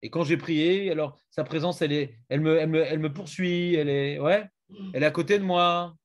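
A man's voice: a little high, steady tone, a little fast. A man teaching a Talmud class, questioning and prodding his students.

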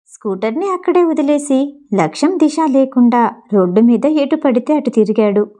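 A woman narrating a dramatic story in a steady, emotive storytelling manner. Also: fairly high pitch. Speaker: audiobook narrator.

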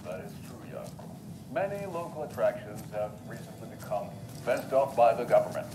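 An actor playing a tour guide in a cheesy local TV commercial, with a stilted, theatrical sales pitch. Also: male voice, sing-song, normal speed, heavy background noise, close to an everyday voice. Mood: salesy. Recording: TV commercial with music behind.

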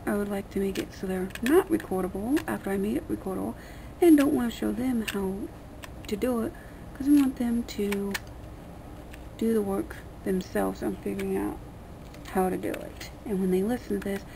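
A vlogger with a gravelly, creaky voice at a middling pitch explains a hands-on task at a moderate pace, rambling in casual, colloquial, somewhat crude language. She sits at a table in a small, dim room. The camera mic, aimed at her hands, captures noticeable background noise on this homemade recording.

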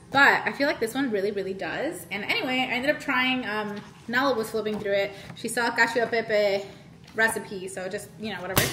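A woman's voice: on the high side, sharp tone, roomy sound. Chatty vlogger woman over a sizzling pan. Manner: chatty, says y'all, laughs often. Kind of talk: casual vlog chat. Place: home kitchen while cooking. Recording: noisy kitchen with sizzling pan.

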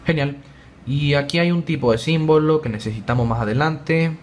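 A young man giving chatty, excitable let's play commentary, joking with viewers as he plays. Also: fairly high pitch, normal speed, slight background noise. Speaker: gaming YouTuber.

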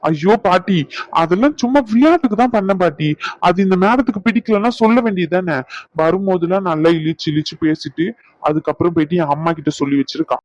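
A man's voice: sits high, fast talker, no room sound, natural voice. A man voicing an exasperated young husband, a doctor, who pleads and complains to his grandmother about his wife. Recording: dull lo-fi.

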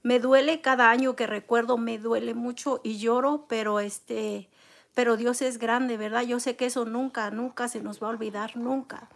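A woman's voice: on the high side, steady tone, normal speed, vocal fry. A middle-aged woman hosting a casual livestream, reading out viewers' names and comments and answering them in a consoling way. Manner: warm, consoling, reads viewer names aloud; eats soup between comments. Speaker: livestream host.

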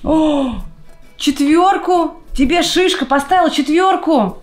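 A woman in her thirties speaking in a casual family vlog at home. She sounds playful and encouraging, and her voice sits a little on the high side. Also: slow pace, soft background music. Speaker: mom and vlog co-host. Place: home, indoors.

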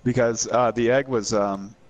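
A man's voice: mid-range voice, steady tone, moderate pace, lo-fi sound, soft background music. A man chatting casually over a game, teasing his friends with plenty of swearing. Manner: profane, teasing banter. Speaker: gamer.

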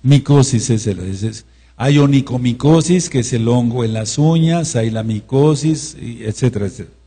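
A man's voice: medium pitch, moderate pace, mellow, slightly rough. A man with a Mexican accent teaching a sermon, repeating key words and asking his listeners questions. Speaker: preacher.

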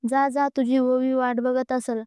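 A woman's voice: high voice, level tone, measured pace, mellow, smooth, no echo. A woman voicing an irritable young husband who answers curtly and grumbles to himself. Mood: irritated. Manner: curt, grumbling. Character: irritable young man, short-tempered husband.

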